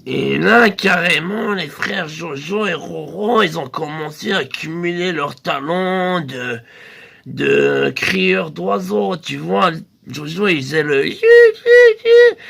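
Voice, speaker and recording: A man with a high voice and a heavy gravelly fry spins a meandering comic tale. He talks in a loose, hesitant ramble and now and then bursts into shrill bird-call squeals. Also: slow, pushed and bright. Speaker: comedian.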